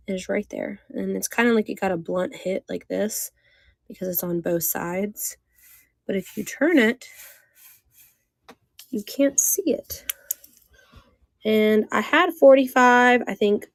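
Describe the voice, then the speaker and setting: Hoarse, crackly-voiced woman selling live. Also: medium pitch, no echo. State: hoarse, with inflamed vocal cords and throat clearing. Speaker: live-sale host selling vintage glassware. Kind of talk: casual live selling chat to viewers.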